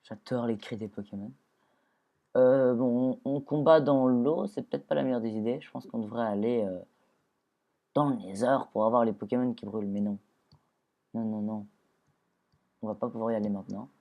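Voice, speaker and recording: A man's voice: mid-range voice, moderate pace, creaky, long pauses, lo-fi sound. Man casually rambling over gameplay. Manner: rambling, self-correcting, talks to his creatures. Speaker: gameplay video creator. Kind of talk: casual Minecraft gameplay commentary.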